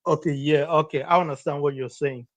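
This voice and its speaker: A man from Cameroon calling into a show, making his point in an earnest, measured way and repeating it. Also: fairly high pitch, fairly even intonation, no room sound. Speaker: caller. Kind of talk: phone-in comment.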